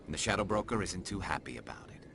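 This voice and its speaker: A man's voice: deep voice, expressive, quick pace, vocal fry, sharp tone, a little hiss or hum, exaggerated voice. A man voicing a confident, determined alien police investigator in a video game.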